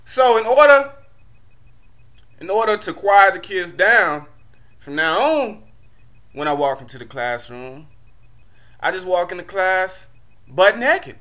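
A man's voice: sits high, animated, slow pace, pauses often, pushed and bright. A young man doing a stand-up comedy monologue, telling loose, chatty stories full of fillers.

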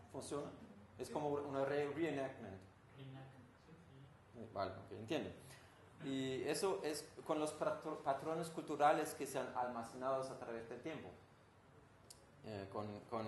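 Danish composer with a Danish accent, giving an informal talk to an audience, roomy sound with faint background noise. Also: male voice, on the high side. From Denmark. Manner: engaged, asks the audience questions, searches for Spanish words. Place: room with an audience.

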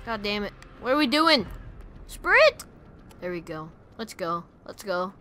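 A woman giving casual, excitable gameplay commentary, rambling with lots of "like" and "friggin'". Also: mid-range voice, moderate pace, soft background music. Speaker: gaming YouTuber.

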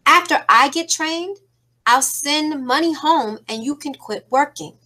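Storybook older brother, eager and hopeful, read by a woman teacher, slow, bright. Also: sits high, voice pushed up.

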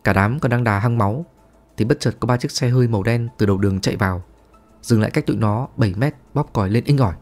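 Man, storyteller, scripted ghost-story narration, steady reading, mid-range pitch. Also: quick pace, soft background music.

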